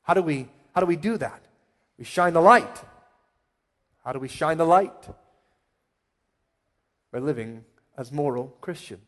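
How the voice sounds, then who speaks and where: A male pastor preaching a sermon with emphatic swells and quiet asides. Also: on the high side, expressive, measured pace, long pauses. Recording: long hall reverb.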